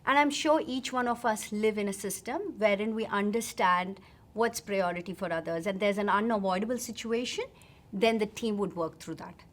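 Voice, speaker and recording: A middle-aged woman talks through her answers in an interview, calm and explanatory. Her voice sits in a middle register, and she pauses often on small fillers as she builds each point. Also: medium pitch. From India. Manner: measured, explanatory, with frequent fillers. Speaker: interview guest.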